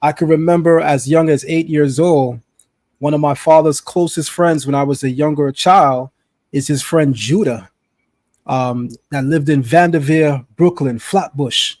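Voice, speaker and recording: A man's voice: fairly high pitch, unhurried, a little mellow, no echo. A man hosting a live stream interview, upbeat and familiar, addressing his viewers as family. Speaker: host, interviewer.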